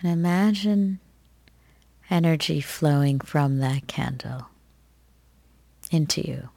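A woman leading a guided meditation as its guide, speaking softly and soothingly with long pauses between phrases. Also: deep voice, vocal fry, dry recording. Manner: soft, gentle, soothing delivery with long pauses.

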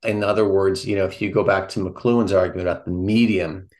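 A man co-hosting a philosophy podcast, talking casually and haltingly, often restarting his sentences as he thinks aloud. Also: deep voice, fairly even intonation, a little mellow. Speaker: podcast co-host.

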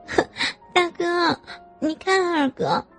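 A woman's voice: extremely high pitch, sing-song, slow pace, vocal fry, fairly bright tone, faint music behind, pitched above the performer's own voice, exaggerated voice. A woman voicing a playful young adult younger sister with a coy, whiny teasing tone.

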